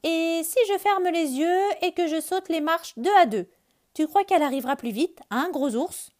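A woman voicing a small, eager, impatient male rabbit who whines and exclaims in a high voice for a children's story. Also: moderate pace, a little mellow. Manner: pleading, exclaiming, high squeaky.

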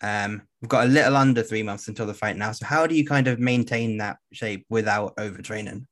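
A man hosting a podcast, asking a fighter interview questions in a calm, measured way. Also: on the low side.

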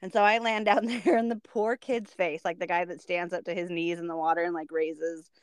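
A woman's voice: on the low side, fairly even intonation, a little fast, clear, resonant tone, dry recording. A woman in her thirties co-hosting a casual chat podcast, telling stories and laughing at herself often. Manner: laughs often, self-mocking storyteller. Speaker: podcast co-host.

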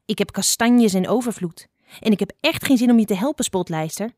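A woman voicing a blind, sharp-tongued old female fox who scolds impatiently. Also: medium pitch, a little fast, dry recording, clean studio sound, lightly acted. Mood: stern.

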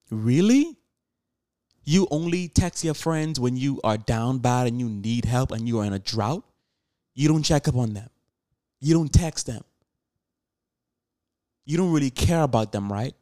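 A teenage boy of seventeen speaks alone on his podcast, his voice a little high and dark, captured in clean studio sound without any room echo. Earnest and a bit preachy, he fires rhetorical questions at his audience, frequently starting over and repeating himself.

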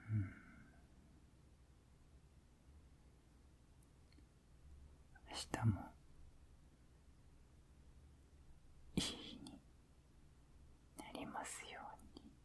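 A man with a Kansai accent playing a teasing, affectionate boyfriend at bedtime, in intimate whispered role-play pillow talk with a soft, breathy voice. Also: unhurried, close to an everyday voice. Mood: sleepy, affectionate. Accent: Kansai Japanese. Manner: playful, coaxing, mock-hurt.

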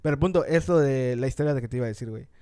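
Man, Mexican accent, casual chat, rapid storytelling, acts out quotes. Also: mid-range voice, mellow, clear, resonant tone. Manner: fast slangy storytelling, acts out quoted lines.

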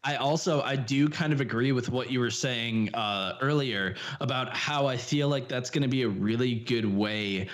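A man's voice: medium pitch, normal speed, hardly any pauses. A man co-hosting a casual gaming podcast, often restarting sentences and agreeing emphatically.

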